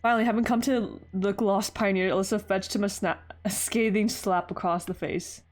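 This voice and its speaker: A woman's voice: medium pitch, steady tone, normal speed. A woman hosting a game playthrough, reading the story aloud with chatty, giggly asides. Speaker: let's play host. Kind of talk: reading a visual novel aloud with commentary.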